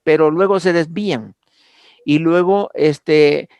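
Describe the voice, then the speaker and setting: A man's voice: a little high, slow, vocal fry, darkish tone, clean tone, dry recording. A man teaching an online Bible class, speaking hesitantly with many fillers and restarts.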